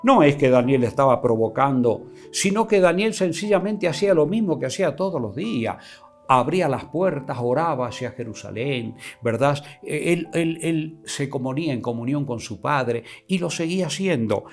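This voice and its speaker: Man, sermon, booming scripture readings, soft low asides, faint music underneath. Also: animated. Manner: swells loud and slow when reading scripture, drops soft in reflection. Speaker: preacher.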